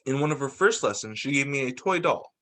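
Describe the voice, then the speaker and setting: Brisk and animated, a man with a medium-pitched voice reads a picture book expressively to young pupils as their teacher. Along the way he makes small asides, explains parts of the story and checks in with the listeners.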